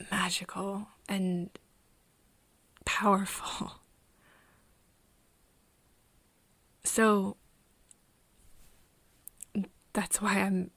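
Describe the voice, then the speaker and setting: Speaking at a medium pitch in a soft, breathy voice that often drops to a whisper, a woman acts as a sincere young woman opening up to a friend in a one-sided ASMR roleplay. Her confiding is wistful, halting and full of pauses, with no echo.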